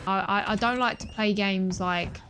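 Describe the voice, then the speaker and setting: A woman's voice: mid-range voice, fairly even intonation, normal speed, background noise. A British woman in her twenties doing casual live commentary as a scared, jumpy, foul-mouthed horror game streamer. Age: 20s. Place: small room indoors at a gaming setup. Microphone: headset with a desk microphone close by.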